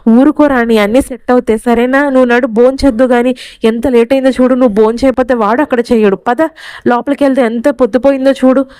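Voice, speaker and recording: A woman's voice: fairly high pitch, fairly even intonation, fast talker, darkish tone, smooth, dry recording, natural voice. A woman reading the lines of a middle-aged husband who firmly reassures his wife. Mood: reassuring. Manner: reassuring, firm.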